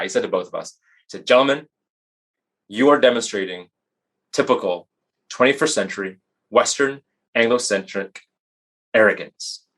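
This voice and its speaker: A man giving a talk, mixing slow, emphatic statements with quick, casual asides and stories. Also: lowish voice, creaky, fairly bright tone. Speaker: speaker. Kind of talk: lecture-style talk.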